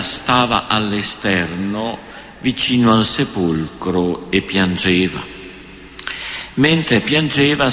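A man reading a gospel passage aloud in a liturgy, in a slow, measured proclamation, recorded in a church. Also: medium pitch, a bit bright, a little hiss or hum. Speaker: priest. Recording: echoey church hall with faint ambience.

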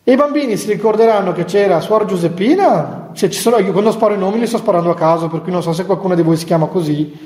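A man's voice: sits high, fast, hardly any pauses, darkish tone. A man, a Franciscan friar, giving a conversational spiritual talk to nuns, chatty with humorous asides and chuckles. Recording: echoey hall with long reverb.

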